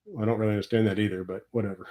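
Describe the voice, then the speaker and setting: Warm and lowish, his steady voice moves very fast. The middle-aged livestream host from Nebraska, sniffling with a cold, rambles to his viewers in a wry gripe about taxes.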